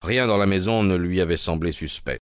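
A man giving steady, measured scripted narration of a dramatic story. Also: deep voice, clear, resonant tone, dry recording, studio quality.

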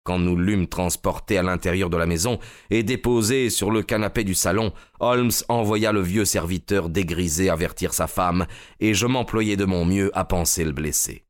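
A man giving a measured, dramatic scripted narration of a story. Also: sits low.

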